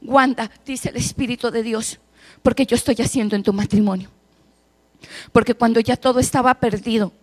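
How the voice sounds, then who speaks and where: Fervent woman prophesying in a sermon, somewhat high-pitched, repeating her declarations. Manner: fervent, swells loud then drops to a hush; repetitive, chant-like declarations. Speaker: prophetic preacher. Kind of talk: prophetic sermon speaking as God.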